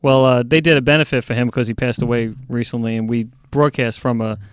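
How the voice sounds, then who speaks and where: New york guy cohosting radio, smooth voice, dry sound. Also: medium pitch, fairly even intonation, brisk, no echo. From upstate New York. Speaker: radio show host. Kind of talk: casual radio chat.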